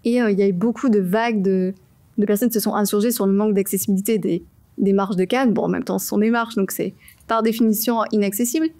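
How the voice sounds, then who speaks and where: A woman hosting an interview, asking questions in a halting way with fillers and often murmuring agreement. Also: medium pitch, fairly even intonation, warm tone. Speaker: interview host. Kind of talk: casual interview chat.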